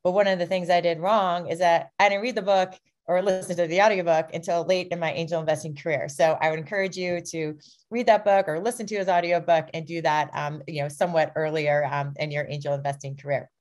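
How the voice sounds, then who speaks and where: A woman's voice: lowish voice, fairly even intonation, brisk, darkish tone. A middle-aged woman presenting her venture fund on a video call, breezy and self-deprecating, with many fillers. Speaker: venture capitalist, fund founder.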